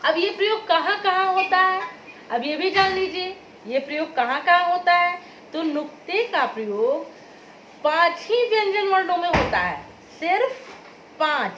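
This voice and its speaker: A woman teacher giving a grammar lesson, patient, repeating key words and asking if it is clear. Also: extremely high pitch, lively intonation, unhurried, a bit bright, echoey room, highs cut off, a little hiss or hum. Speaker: school teacher. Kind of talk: classroom Hindi grammar lesson.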